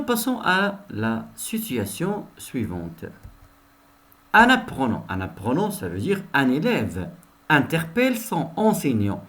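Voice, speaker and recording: A man's voice: mid-range voice, a bit bright. A male teacher giving a recorded lesson, repeating each sentence and explaining it to his pupils, whom he addresses directly.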